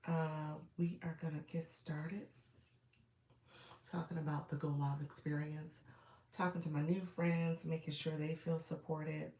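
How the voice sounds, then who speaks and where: Congested with a cold, a woman talks to live viewers as a streaming coach in a low, gravelly, froggy voice with a level, slightly mellow tone. She keeps repeating welcomes, fills pauses with fillers and clears her throat now and then, all with a roomy echo.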